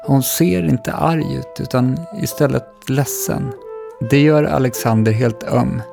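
A man narrating a children's story in a calm, even storytelling voice. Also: medium pitch, vocal fry, music in the background.

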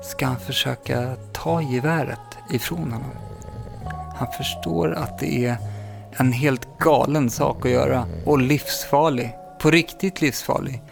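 A man calmly reading a story aloud with measured pacing and dramatic pauses, with music playing underneath. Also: medium pitch, vocal fry. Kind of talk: scripted story narration.

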